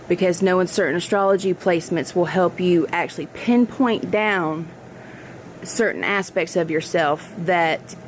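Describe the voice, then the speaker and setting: Reflective woman rambling over background noise. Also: lowish voice. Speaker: spiritual vlogger. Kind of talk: rambling spiritual monologue.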